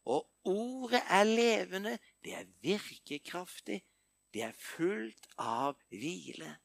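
An older man preaching a sermon, moving between hushed, intimate passages and emphatic bursts. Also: high-pitched, animated, gravelly, no room sound.

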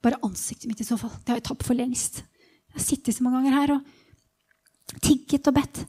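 A blind beggar man , voiced by a woman, thinks aloud in a hushed first-person monologue, often slipping into a whisper. The voice sits high. It belongs to a guided Bible meditation. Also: fairly even intonation, husky. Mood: hushed eager. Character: blind male beggar longing to be healed.

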